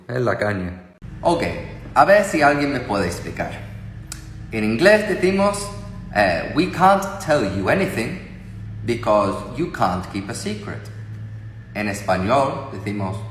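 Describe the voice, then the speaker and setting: Playful man, slow pace, lively pitch, echoey room. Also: a little hiss or hum. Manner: playful, switches between languages and mimics phrases. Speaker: comedic language explainer. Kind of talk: casual comedic explainer to camera.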